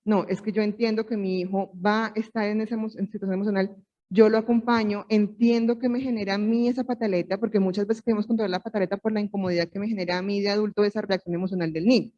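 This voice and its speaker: A woman's voice: mid-range voice, fairly even intonation, quick pace, warm tone, distant mic, lo-fi sound. A woman in her forties, a parenting panelist, explaining earnestly and asking rhetorical questions.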